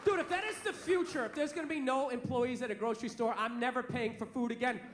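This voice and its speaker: Male stand-up comic, middle-aged, very high loud sharp voice, exasperated ranting, echoey live room with crowd noise. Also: fast. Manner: profane, blunt. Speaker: stand-up comedian. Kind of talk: stand-up comedy rant to an audience.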